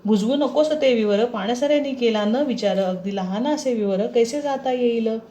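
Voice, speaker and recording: A woman reciting a devotional text in short verse lines with a steady chanting delivery. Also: a little high, normal speed, roomy sound, a little hiss or hum.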